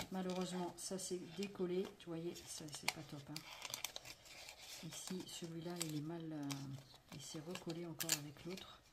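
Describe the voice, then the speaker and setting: Woman with a French accent, lower voice, chatty unboxing, loud crinkling noise. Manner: chatty, many fillers and "voilà", narrating her hands. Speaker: crafts vlogger. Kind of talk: casual show-and-tell unboxing. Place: indoors at a table, not her home. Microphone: phone camera.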